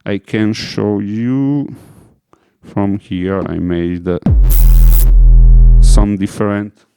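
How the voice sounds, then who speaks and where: A man with an Italian accent hosts a music production tutorial, speaking extremely slowly in a fairly low, dark, clean voice. He hesitates often, using fillers while he searches for English words, as electronic music plays behind him in a studio-quality recording with no room sound.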